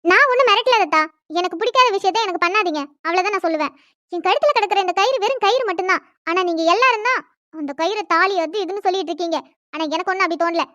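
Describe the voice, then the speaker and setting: A woman's voice: extremely high pitch, fast, pushed and bright, dry recording. A woman doing a defiant young bride. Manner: defiant, retorting. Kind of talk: cartoon family drama. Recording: dull lo-fi, dry.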